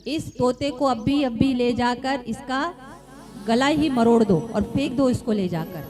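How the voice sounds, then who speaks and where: A woman's voice: on the high side, measured pace, darkish tone, close to an everyday voice. Storybook king, furious and commanding, read by a woman storyteller, over background music. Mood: angry. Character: angry old-time male king.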